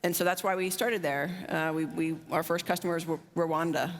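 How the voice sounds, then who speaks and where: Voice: mid-range voice, fairly even intonation, brisk, a little hiss or hum. A founder answering panel questions, fluent and upbeat, with many casual fillers. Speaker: drone logistics company founder, panelist. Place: large conference hall stage. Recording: long hall reverb.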